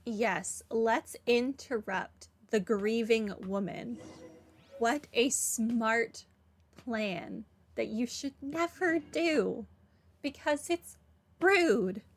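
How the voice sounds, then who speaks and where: A woman with a fairly high voice and drawn-out words hosts a gaming playthrough, giving casual, rambling commentary with a dry, sardonic edge. She also reads the dialogue aloud.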